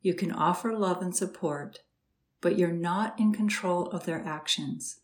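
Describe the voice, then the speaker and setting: A woman guiding a slow, soothing meditation with gentle instructions and long pauses. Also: lowish voice. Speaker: meditation guide. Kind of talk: guided meditation.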